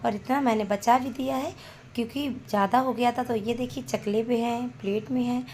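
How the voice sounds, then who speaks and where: A woman's voice: a little high, fairly even intonation, fairly quick, a little mellow, a little hiss or hum. A woman, a mother of young children, chatting homely and playfully as she cooks in her home kitchen for her cooking channel. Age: adult, a mother of young children. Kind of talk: casual cooking vlog narration.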